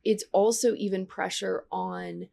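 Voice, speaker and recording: Woman, very gravelly voice, podcast co-host, casual candid chat. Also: medium pitch, fairly even intonation, measured pace, warm tone. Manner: candid and conversational.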